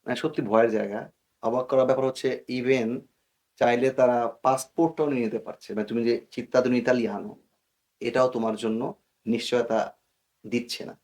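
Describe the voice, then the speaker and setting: A man speaks as an interview guest, explaining things in an earnest, warning manner. He mixes English words into his sentences. His voice sits at an ordinary middle pitch. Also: little pitch movement, normal speed, a little mellow. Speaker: guest expert.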